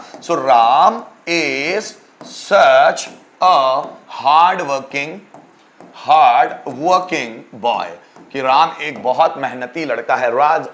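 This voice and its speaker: A man teaching English grammar in Hindi, explaining step by step and asking himself questions before answering them. He reads the example sentences slowly and with care. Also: a little high, a bit bright. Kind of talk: Hindi-language grammar lesson.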